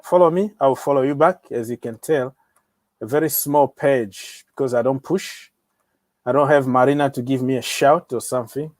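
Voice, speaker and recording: A man's voice: medium pitch, normal speed, a little mellow, dry recording. A young man hosting a casual football livestream, joking around and talking straight to his viewers. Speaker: livestream host of a football channel.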